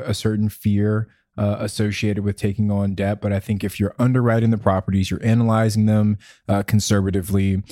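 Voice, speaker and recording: A man co-hosts a podcast, speaking in an easygoing, hesitant way full of "um"s and restarts. His voice sits fairly low, and the sound is dry and close. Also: mellow, dry recording. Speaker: podcast co-host. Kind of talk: casual podcast chat.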